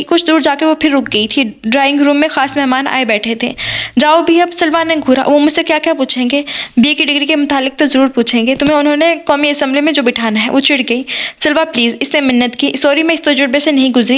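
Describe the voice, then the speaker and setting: A woman's voice: sits high, fairly bright tone. A woman reading a romance novel aloud, narrating and voicing every character herself, with small slips and restarts. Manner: reads all characters herself, occasional stumbles and restarts. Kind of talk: scripted novel narration with dialogue voices.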